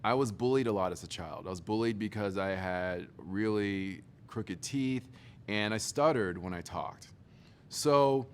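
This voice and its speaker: A man giving a motivational talk to young leaders, telling a story in an animated, joking way. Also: lowish voice. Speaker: speaker.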